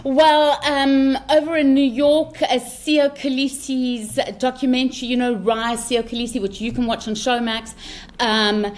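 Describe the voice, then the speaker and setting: A woman's voice: sits high, little pitch movement, unhurried. A South African woman co-hosting a casual podcast, talking in a gushing, emotional way and near tears. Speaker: podcast co-host. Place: home in France, remote call.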